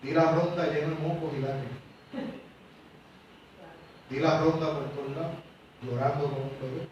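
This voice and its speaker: A pastor with a fairly high voice shares a personal testimony during a sermon at a moderate pace, animatedly acting out the dialogue and swinging from loud to quiet. He's in a large church sanctuary, captured from a distant mic in an echoey hall, with lo-fi sound and slight background noise.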